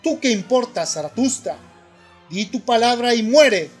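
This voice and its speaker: A man's voice: extremely high pitch, animated, unhurried, soft background music. A man reading the lines of a stern, voiceless inner voice in a spoken audiobook, grave and urging.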